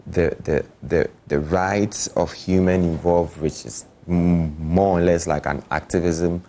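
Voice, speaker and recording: A man's voice: low-pitched, steady tone, measured pace, dark tone, a little hiss or hum. A man, an artist talking casually and explaining things in an interview. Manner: explanatory, often checking the listener follows.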